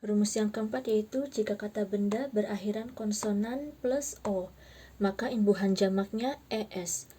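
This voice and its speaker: A woman teaching an English grammar lesson, slowly spelling out letters and repeating each example word. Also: mid-range voice, warm tone, slightly rough, recorded from a distance. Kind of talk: slow, careful grammar lesson.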